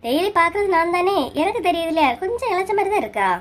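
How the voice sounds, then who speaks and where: Woman doing sly cartoon husband, Kanyakumari Tamil accent, flattering, very high voice. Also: rapid-fire, a little hiss or hum. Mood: coaxing. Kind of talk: cartoon voice acting.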